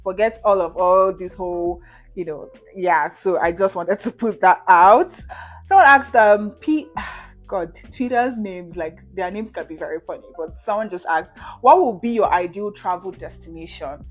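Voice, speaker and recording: A Nigerian woman in her twenties chats casually to camera while answering viewer questions, often saying "you know" and "right?" and laughing easily. Her voice is on the low side at a moderate pace, with faint music in the background.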